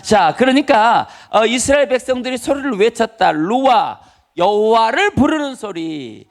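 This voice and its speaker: A man's voice: very high-pitched, very animated, a little slow. A male pastor preaching an emphatic Sunday sermon in a church, repeating key phrases and calling for the congregation's response. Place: church sanctuary.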